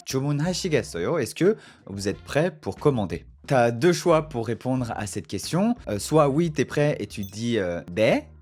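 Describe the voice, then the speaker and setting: Lively man teaching Korean phrases. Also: mid-range voice, a little slow. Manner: explains in French, models short Korean phrases; acts out little restaurant scenes, playing both customer and waiter. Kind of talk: casual video lesson. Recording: faint background music.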